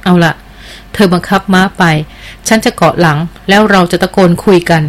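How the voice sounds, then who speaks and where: A woman's voice: lowish voice, fairly even intonation, moderate pace, lightly acted. A woman reading aloud as a bold young woman who teases and presses for answers in an audiobook. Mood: insistent. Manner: teasing and insistent.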